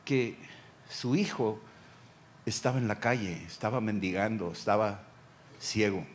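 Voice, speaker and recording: A pastor preaching a sermon, speaking directly to the listener and acting out the voices of Bible figures. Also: male voice, fairly low pitch, a little slow, slight background noise.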